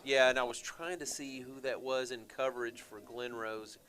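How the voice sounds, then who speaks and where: A man doing play-by-play for high school football radio, chatty and relaxed with lots of fillers. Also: moderate pace, a crowd in the background. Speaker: play-by-play announcer.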